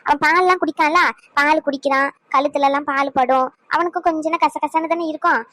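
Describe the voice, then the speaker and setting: A woman's voice: high voice, fairly even intonation, fast, pushed and bright, dry recording. A woman voicing a fussy, scolding older grandmother in a cartoon. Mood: fussing. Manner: nagging, scolding. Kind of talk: cartoon voice acting.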